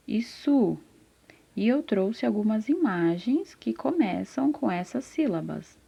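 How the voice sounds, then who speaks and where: A woman teaching literacy to first graders in a slow, patient lesson, sounding out syllables and answering her own questions. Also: mid-range voice, creaky, dark tone. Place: classroom with a whiteboard. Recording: slightly dull, lo-fi sound.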